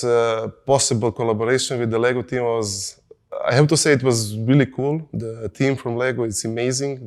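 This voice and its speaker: A man's voice: medium pitch, creaky. A man from Croatia speaking English, a car designer in an interview clip who halts and searches for words. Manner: halting, searching for words, repeats himself.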